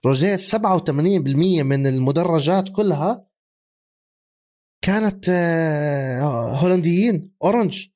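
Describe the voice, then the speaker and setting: A man, co-hosting a casual sports chat. He is animated, laughs often and mixes English phrases into his speech. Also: on the high side, moderate pace, pauses often. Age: 30s. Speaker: podcast co-host.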